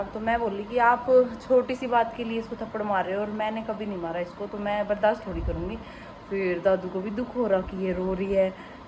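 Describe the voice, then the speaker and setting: A young woman with a Haryanvi accent, chatting emotionally in a casual family vlog, telling stories with teasing asides. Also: medium pitch. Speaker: family vlogger. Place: home kitchen. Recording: noisy home phone recording.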